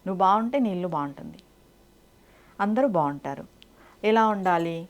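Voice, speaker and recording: A woman's voice: lowish voice, lively intonation, brisk. A woman giving devotional advice in a direct, instructive way, often asking rhetorical questions. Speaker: spiritual speaker.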